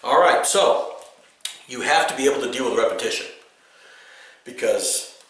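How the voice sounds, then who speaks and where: Guy musician giving casual tips, emphatic, pitch swings all over, sounds far off in a big echoey room. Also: normal speed. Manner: lively, emphatic, keeps checking in with the viewer. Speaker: acoustic musician teaching beginners. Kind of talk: casual spoken instruction. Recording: very echoey room, distant mic.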